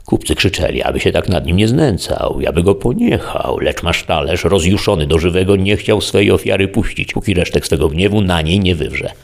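A man narrating a classic novel as an audiobook in a measured storytelling manner. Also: low-pitched, lively intonation, gravelly.

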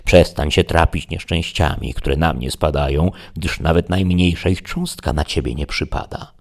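A man's voice: a bass voice, moderate pace. A man reading a storybook aloud, voicing a deluded, grandiloquent old knight who gives solemn, declamatory speeches.

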